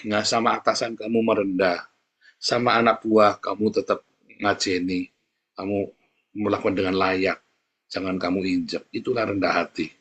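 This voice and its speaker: A man delivers a sermon in a husky, slightly low voice. He talks bluntly and colloquially to his congregation. His lines keep jumping from loud, high emphasis to quiet, dropped asides. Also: normal speed, pauses often. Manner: animated, swings loud and soft, addresses listeners as brothers and sisters. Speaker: preacher.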